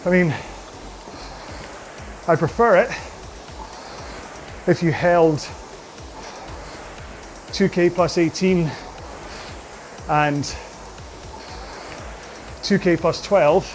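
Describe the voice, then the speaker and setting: Slow, measured male rowing coach. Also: sits high, faint music behind. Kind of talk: workout coaching.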